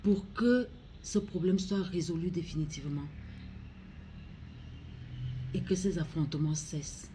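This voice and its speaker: A regional councillor, a woman with a Cameroonian accent, makes a solemn public appeal in a low, mellow voice. She pleads very slowly and gravely in deliberate phrases, and the recording has a little noise.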